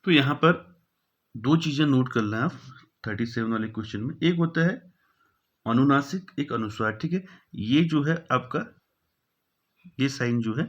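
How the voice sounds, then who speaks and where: A man's voice: medium pitch, animated, normal speed, pauses often. A man teaching an exam-prep grammar lesson, reading each question, repeating it and giving the answer, with frequent "okay" fillers. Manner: repeats each question, fills with "thik hai". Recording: dull, lo-fi sound.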